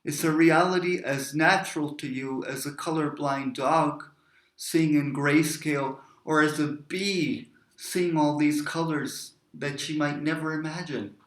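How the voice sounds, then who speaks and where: A man's voice: a little high, fairly even intonation, unhurried. A man poet giving a reflective storytelling talk, drifting into tangents. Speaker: poet and speaker. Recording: roomy echo.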